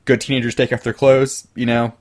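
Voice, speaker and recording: A man's voice: mid-range voice, level tone, brisk, darkish tone. A man hosting a podcast, talking loosely and rambling, often restarting his sentences. He swears casually as he chats into a desktop mic. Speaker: podcast host. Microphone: desktop USB mic.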